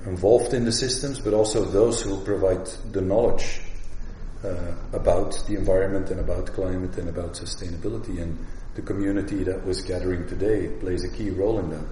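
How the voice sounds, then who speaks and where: A Flemish man with a low, dark voice answers interview questions thoughtfully, pausing and restarting often. He sits some way back from the mic in an office, so the sound is roomy and distant, with faint room noise behind him. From Belgium, Flemish part. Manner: thoughtful, halting, many fillers and restarts. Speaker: guest, agency director. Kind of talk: radio interview.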